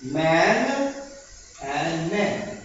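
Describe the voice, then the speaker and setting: A man's voice: on the high side, sing-song, drawn-out words. A man with an American accent teaching English pronunciation, patiently checking in with "okay?" after each point. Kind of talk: classroom language lesson. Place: classroom. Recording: echoey room from a distant mic, dull sound, noisy.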